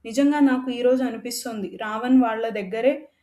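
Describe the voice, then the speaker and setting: A woman's voice: on the high side, steady tone, normal speed, mellow, close to an everyday voice. A woman voicing an indignant older man who lectures reproachfully.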